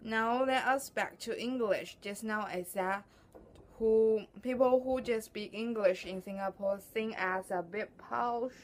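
Girl in her 20s teaching to camera, takes it really slow, voice a bit high. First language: Chinese. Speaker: vlogger giving a demo lesson. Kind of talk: informal explanatory lesson to camera. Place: cluttered room indoors.

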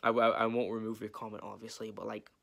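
A man's voice: on the low side, level tone, quick pace, creaky, fairly bright tone. A teenage boy talking to camera from his messy bedroom, answering viewer questions in a rambling, self-mocking way and laughing often. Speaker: YouTube vlogger. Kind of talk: casual Q&A vlog to camera.

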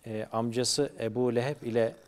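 A man's voice: mid-range voice, steady tone, normal speed, a little hiss or hum. A man hosting a religious studio talk show, attentive and often agreeing with short affirmations. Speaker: host.

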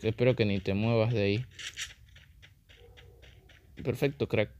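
A man's voice: lowish voice, steady tone, a little slow, a little mellow, muffled recording. Trash-talking male gamer, noisy recording. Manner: taunting, trash-talking opponents, repeating phrases. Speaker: gaming YouTuber. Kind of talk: casual gameplay commentary.

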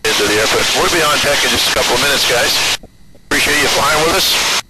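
A man's voice: medium pitch, lively intonation, fast. A man giving matter-of-fact sightseeing commentary as pilot and tour guide over a headset intercom in an open cockpit biplane. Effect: aircraft radio headset. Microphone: aviation headset. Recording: loud open-cockpit engine and wind noise.

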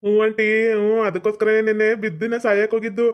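A woman's voice: medium pitch, steady tone, fast talker, lo-fi sound, close to an everyday voice. A woman voicing a simple-minded, easily hurt young man who whines and complains like a child. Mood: bashful.

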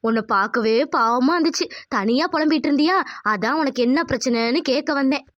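Woman voicing a calm conscience spirit. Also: high-pitched, fairly quick, no echo, lo-fi sound, close to an everyday voice. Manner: calm, soothing, reasoning.

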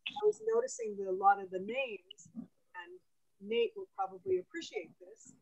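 A woman's voice: extremely high pitch, animated, moderate pace, gravelly, a little mellow, no room sound, low-quality recording. A woman asking a casual, hesitant question as an audience member on a video call.

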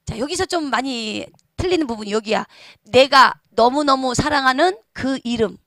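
High-voiced woman singing teacher. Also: a bit bright, no echo, studio quality. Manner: explains quickly, then sings phrases for the class to repeat. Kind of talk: online singing lesson. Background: backing track music.

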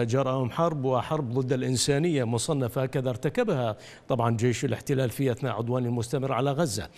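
A man's voice: medium pitch, darkish tone, in a large hall. A man hosting a live news panel, moderating the guests and putting questions to them, with frequent hesitations and filler sounds. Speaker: news host.

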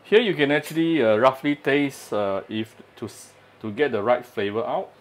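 A man's voice: medium pitch, normal speed. A man hosting a casual home cooking demonstration, chatting and explaining as he works, with frequent "uh" fillers. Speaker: home cooking channel host. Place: home kitchen at the stove.

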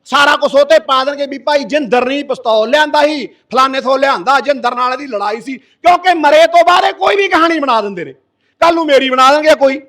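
A middle-aged Punjabi man roars an impassioned protest speech, his voice pitched very high for a man. He speaks from well away from the microphone, so he sounds distant. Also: expressive, fast talker. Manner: impassioned, forceful, roaring. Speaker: activist addressing a protest gathering. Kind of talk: fiery public speech. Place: village protest sit-in. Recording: voice from far off the mic.

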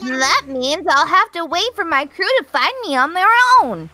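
A cheerful castaway sailor, as a woman puts him on, high and swooping, with a bright, ringing tone. Theatrical and exclamatory, hamming up every line like a game character read aloud. Faint game music plays underneath. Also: expressive, normal speed. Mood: pleading. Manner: theatrical, sing-song, exclamatory. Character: stranded cheery castaway sailor, pun-loving. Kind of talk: reading game dialogue aloud in a voice.

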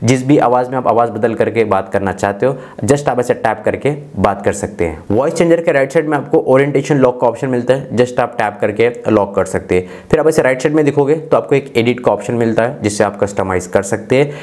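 Briskly, in a mid-range, darkish voice, a young Indian-accented channel host in his twenties demonstrates a phone's features step by step. His delivery sounds scripted, and he blends English technical terms into it.

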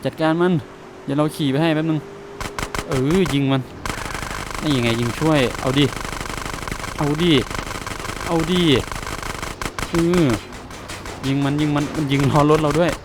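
A man's voice: fairly high pitch, fairly even intonation. Man reading game subtitles aloud. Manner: reads dialogue lines aloud, mixed with quick reactions and driving directions. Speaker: gameplay streamer. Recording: game engine and vehicle noise behind the voice.

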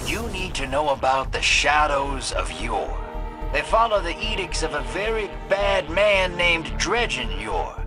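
An actor playing a shady, cynical male drifter and old survivor in a video game, with a sly, folksy drawl. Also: fairly high pitch. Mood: sly, goading. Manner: sly, folksy drawl, addressing the listener as kid and partner. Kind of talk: video game character monologue.

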